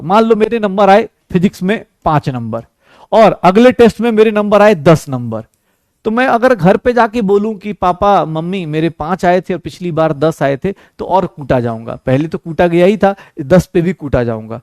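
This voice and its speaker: Male tutor, high pitched, jokey classroom delivery, dry room. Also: big pitch swings, normal speed, darkish tone, dry recording. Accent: Hindi. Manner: joking, addresses students as beta, acts out quoted students. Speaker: teacher. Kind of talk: classroom chemistry lecture.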